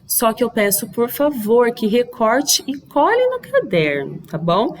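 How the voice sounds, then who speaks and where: A woman's voice: fairly high pitch, big pitch swings. A woman teacher with a Brazilian Portuguese accent, recording a slide lesson for schoolchildren and often checking that they follow. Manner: slow, patient, with frequent checking questions.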